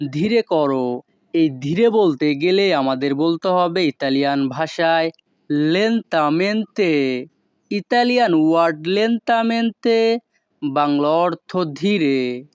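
A man with a Bengali accent teaching vocabulary, saying each word slowly and deliberately. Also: high voice, clean tone, no room sound. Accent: Bangladeshi Bengali. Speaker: language teacher. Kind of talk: slow vocabulary lesson.

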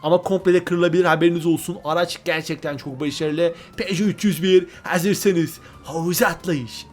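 A man giving excited gameplay commentary, often repeating words in bursts and talking straight to his viewers. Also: a little high, normal speed. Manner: excitable, repeats words when thrilled, addresses viewers as friends.

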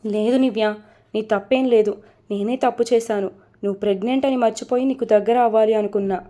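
A woman voicing a gentle young man in a storybook romance, speaking to his pregnant partner in a soft, reassuring way. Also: on the high side, fairly even intonation, fairly quick, voice pushed down, close to an everyday voice. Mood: tender.

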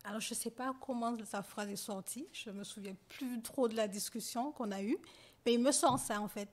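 Hesitant, soft-spoken woman guest. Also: on the high side. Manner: halting, hesitant, many pauses and fillers. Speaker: podcast guest. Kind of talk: personal testimony in conversation.

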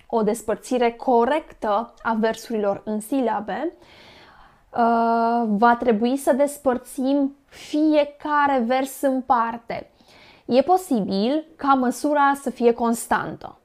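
Female teacher, slightly high voice, steady explanatory lesson delivery with hesitations. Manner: measured explanatory, frequent "uh" fillers. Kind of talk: Romanian literature lesson.

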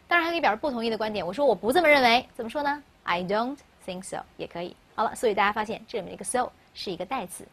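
A woman's voice: medium pitch, a bit bright, breathy edge. A woman teaching an English grammar lesson in Mandarin, a native Mandarin speaker who asks her class questions and answers them herself. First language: Mandarin Chinese.

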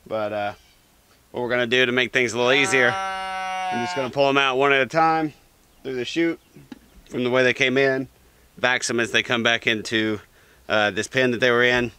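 A man's voice: mid-range voice, bright, forceful tone, slight background noise. A man, explaining farm chores in a loose, casual way with lots of fillers, recorded outdoors on a camera. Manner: folksy, loose, with many fillers. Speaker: farmer vlogger. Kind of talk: casual how-to talk. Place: outdoor sheep pen on a farm. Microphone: handheld or body camera. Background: sheep bleating.

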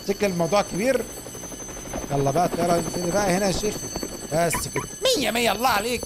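A young man with an Egyptian accent giving playful, excitable gameplay commentary as a gaming YouTuber, full of jokey slang. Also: high voice. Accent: Egyptian Arabic. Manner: excitable, playful, jokey street slang, cries out when startled. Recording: clear background noise.

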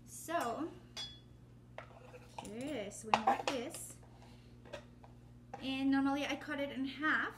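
A woman in her thirties with a high voice talks through a cooking demonstration. She rambles in a chatty way, with fillers and restarts. She is recorded in a home kitchen on a camera on the counter, with a faint hum of ambience behind her. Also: takes it slowly, pauses often. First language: Spanish. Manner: chatty and rambling, with many fillers and self-corrections. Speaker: home cooking channel host. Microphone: phone or camera set up on the counter, framed from the waist up.

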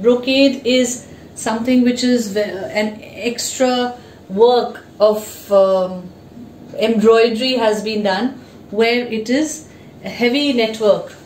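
Female teacher, 40s, fairly high voice, slow explanatory pace, echoey classroom recording. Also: a little mellow. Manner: slow, explanatory, asks questions and answers them. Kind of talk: whiteboard revision lesson. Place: classroom with whiteboard, indoors. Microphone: fixed camera mic, moves toward and away from it. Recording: echoey room, faint background hiss.

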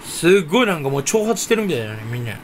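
A young man rambling in a casual solo chat from his room at home, self-mocking and jumping between topics with sudden loud bursts. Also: fairly high pitch, sing-song, racing, slight background noise. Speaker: streamer chatting solo.

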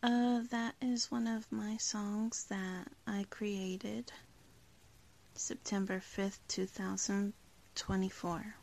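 A woman hosting her own podcast, talking casually in a soft, unhurried way with breathy trailing words and a few ums and uhs. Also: mid-range voice, level tone. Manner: uses fillers like um and uh. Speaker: podcast host. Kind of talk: casual spoken outro.

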